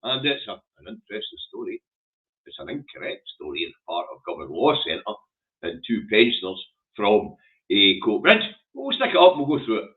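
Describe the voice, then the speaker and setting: A man's voice: lowish voice, big pitch swings, brisk. Through a thin, phone-like sound comes a man with a broad Scottish accent from Lanarkshire. He hosts a livestream in a colloquial, chatty way, delivering blunt and opinionated news commentary with swearing thrown in. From Scotland.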